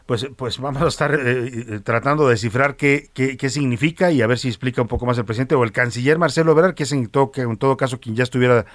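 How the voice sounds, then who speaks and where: A man hosting a radio news show, courteous and steady with his listeners and guests. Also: medium pitch, fast, hardly any pauses, no room sound, studio quality.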